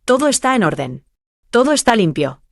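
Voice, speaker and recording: A woman's voice: on the high side, very animated, normal speed, no room sound, clean studio sound. A woman telling of a dream vision at church, earnest and heartfelt. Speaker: church member giving testimony.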